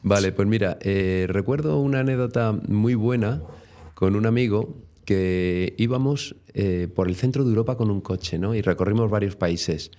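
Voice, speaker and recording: Sitting on the low side with a dark tone and moderate pace, a man with a Spain Spanish accent recounts his travels as an interview guest. His storytelling is casual and meandering, peppered with tag questions.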